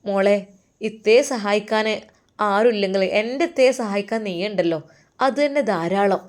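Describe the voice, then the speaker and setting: A woman's voice: medium pitch, normal speed, close to an everyday voice. A woman voicing a kind older sister-in-law who speaks firmly and reassuringly.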